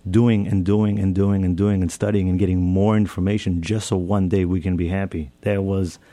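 A man's voice: deep voice, flat delivery, moderate pace, warm tone, no echo. A man, giving a reflective personal talk and often repeating and rephrasing his phrases. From Israel. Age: 30s. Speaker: speaker. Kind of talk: personal talk on self-care.

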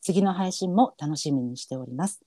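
A man's voice: fairly high pitch, expressive, normal speed, warm tone, dry recording, studio quality. A man with a Kansai accent co-hosting a podcast, reading a listener's letter aloud and then laughing and apologizing. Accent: Kansai Japanese. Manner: earnest reader, then giggly and apologetic. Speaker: podcast co-host.

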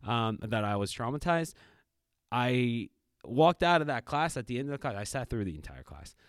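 His mid-range voice is clear and resonant, and he talks at a moderate pace. As a middle-aged podcast co-host in casual conversation, he tells animated, reflective stories peppered with fillers and restarts. There is no room sound; the audio is studio quality.

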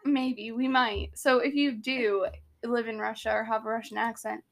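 A woman's voice: on the high side, level tone, normal speed, creaky. A young woman co-hosting a podcast, chatting casually and rambling, with frequent giggles. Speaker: podcast co-host. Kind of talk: casual chat.

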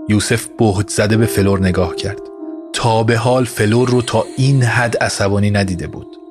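A male narrator with a fairly low voice reads a dramatic audio story in a steady, composed manner. A clear music bed plays beneath him throughout.

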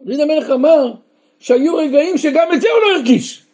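High-voiced rabbi teaching a Torah class. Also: male voice, animated, darkish tone, a little hiss or hum. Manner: asks the listeners questions and answers them himself; breaks into emphatic raised outbursts. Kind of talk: Torah lesson to a live group. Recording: dull lo-fi recording.

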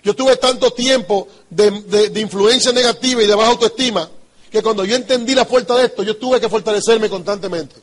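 A business trainer with a Dominican Spanish accent gives a motivational business talk in a high, slightly quick voice. He is emphatic and repeats himself, often throwing rhetorical questions at his listeners.

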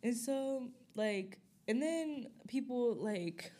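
A woman's voice: on the high side, slow, slight background noise. A woman in her twenties co-hosting a casual chat, telling stories with lots of laughs and fillers. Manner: animated storytelling, frequent laughter and fillers. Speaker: podcast co-host.

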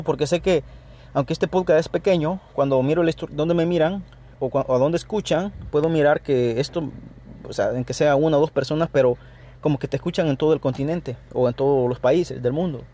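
Earnest Salvadoran man, slightly high voice. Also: mellow. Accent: Salvadoran Spanish. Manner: earnest, opinionated, frequent restarts and "ok" check-ins. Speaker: podcast host. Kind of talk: spontaneous solo podcast monologue.

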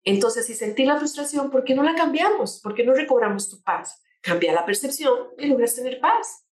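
A woman's voice: sits high, expressive, normal speed, a little mellow. Woman coach in an echoey room. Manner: explains with rhetorical questions and examples. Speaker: attitude-change coach. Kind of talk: conversational talk show guest.

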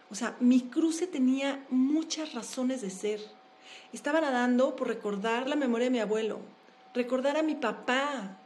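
A Mexican woman, an open-water swimmer, talking in a casual interview in an animated, emphatic way and firing off rhetorical questions. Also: on the high side, a little hiss or hum.

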